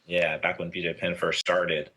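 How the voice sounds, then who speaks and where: Deep-voiced young American man. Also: moderate pace. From Hawaii, United States. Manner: rambling, relaxed, many fillers. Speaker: interview guest, athlete. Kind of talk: casual interview.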